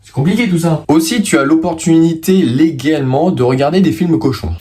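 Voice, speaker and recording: A man's voice: a little high, fairly quick, reverberant, background noise. A man of about nineteen from France with a lisp on his s and z sounds, chatting casually to viewers in a joking, self-mocking, slangy way. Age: around 19. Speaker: video creator. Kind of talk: casual vlog monologue to the viewer. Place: bedroom at home.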